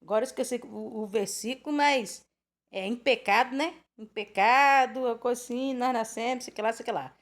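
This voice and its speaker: A woman's voice: on the high side, normal speed. A woman in her twenties or thirties from Brazil giving an informal Bible teaching, chatty and rambling, full of rhetorical questions. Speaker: preacher.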